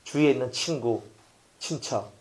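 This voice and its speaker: A man pastor preaching a sermon, emphatic and repetitive, asking the congregation rhetorical questions and dropping from loud appeals to near-whispers. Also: medium pitch, moderate pace.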